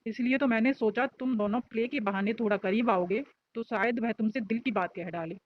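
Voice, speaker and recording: A woman's voice: fairly high pitch, brisk, no room sound, lo-fi sound, close to an everyday voice. A woman voicing a nosy, teasing young male college student in a storybook reading. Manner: joking, nosy banter.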